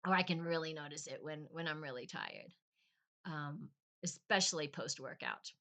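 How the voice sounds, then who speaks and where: Woman giving a chatty spanish sounds lesson, lowish voice, thinks out loud, repeats sounds slowly, poor home recording. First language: English. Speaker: language teacher. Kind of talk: casual spoken lesson.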